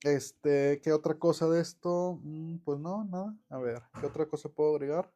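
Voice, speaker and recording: A man giving a casual online English grammar lesson, chatty and relaxed, with many fillers and self-corrections. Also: a little high, moderate pace, highs cut off. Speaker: English teacher.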